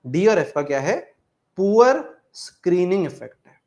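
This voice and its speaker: A man's voice: high voice, big pitch swings, normal speed, a little mellow. A man teaching an exam-prep chemistry lesson, repeating questions to his students and calling them 'beta'.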